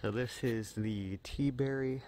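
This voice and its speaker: A man's voice: medium pitch, unhurried, noisy background. A young man casually narrating his solo camping trip outdoors, rambling with lots of "uh" fillers. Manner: relaxed, rambling with many "uh" fillers. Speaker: camping vlogger. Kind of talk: casual self-filmed vlog narration. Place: outdoors at a forest campsite in winter.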